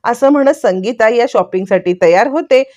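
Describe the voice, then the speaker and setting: A woman's voice: on the high side, lively intonation, normal speed, a little mellow. A woman retelling a serial episode in a chatty storytelling way, with the dialogue woven in. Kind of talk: storytelling recap.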